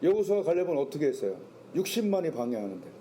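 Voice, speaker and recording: A man's voice: on the high side, big pitch swings, racing, dark tone, slight background noise. A male senior pastor preaching a Sunday sermon, firing rhetorical questions and reading scripture aloud. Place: church sanctuary.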